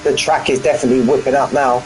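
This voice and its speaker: A man's voice: mid-range voice, flat delivery, quick pace, darkish tone, faint music behind, poor audio. A man giving live race commentary on a stream from his front room at home, chatty and full of banter with his viewers. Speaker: sim racing commentator.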